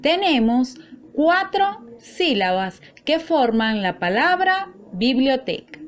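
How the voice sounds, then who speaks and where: A woman teacher talks through a recorded lesson at an unhurried, deliberate pace. Her voice sits a little high and moves up and down a lot as she sounds out each syllable with care. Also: very animated. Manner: slow, careful, spelling out syllables.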